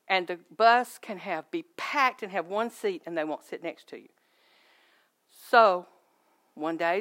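A middle-aged woman shares her testimony with a church, her voice at an ordinary middle pitch. She tells her stories with lively energy and slips into the voices of the people she quotes. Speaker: guest speaker at a church. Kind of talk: personal testimony.

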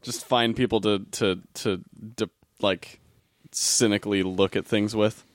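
A man's voice: on the low side, steady tone, measured pace, dry recording, studio quality. A man co-hosting a podcast, rambling through casual chat and looking up movie facts. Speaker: podcast co-host.

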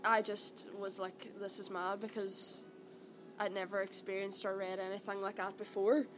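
A woman's voice: medium pitch, flat delivery, moderate pace, music in the background. A young woman with a Derry accent from Northern Ireland, chatting casually and colloquially as an actor being interviewed. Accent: Derry, Northern Irish. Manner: chatty, colloquial, peppered with "aye" and "like". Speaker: actor interviewed about a play. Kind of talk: casual chat. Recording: clearly noisy background ambience.

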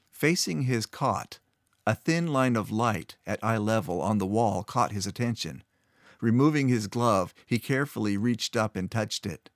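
A man with a lowish voice narrating a fantasy story in a steady, measured way. The recording is dry and close, with no room sound. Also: dry recording.

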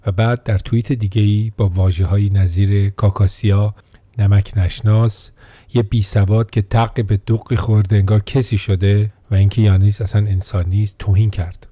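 Dark-voiced male documentary narrator. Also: lowish voice, breathy edge, dry recording. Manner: steady, measured reading of quotes and events.

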